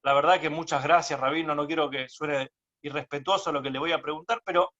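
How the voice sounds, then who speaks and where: A man's voice: on the high side, steady tone, a little fast, sharp tone. A man voicing a poor old father who pleads earnestly with a rabbi. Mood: pleading. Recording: dull lo-fi recording.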